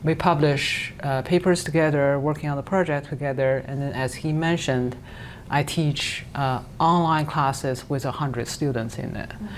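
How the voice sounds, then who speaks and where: Low-voiced woman professor and co-founder. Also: a little hiss or hum. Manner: brisk, with uh fillers and short laughs. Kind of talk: interview answers.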